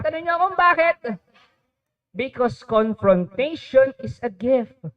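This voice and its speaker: High-voiced Filipino man preaching to a crowd. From Philippines. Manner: animated, mixes Tagalog and English, quizzes the audience. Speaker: motivational speaker. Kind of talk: live seminar talk. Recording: dull lo-fi recording.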